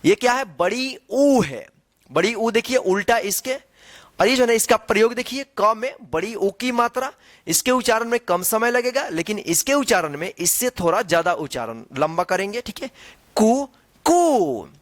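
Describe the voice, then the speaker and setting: A man's voice: high voice, expressive, moderate pace, fairly bright tone. A man teaching a writing lesson, patiently explaining each vowel sign and often checking in with his students. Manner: patient, repetitive, checks in with "theek hai na". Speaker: Hindi teacher. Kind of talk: whiteboard lesson explaining Hindi vowel signs.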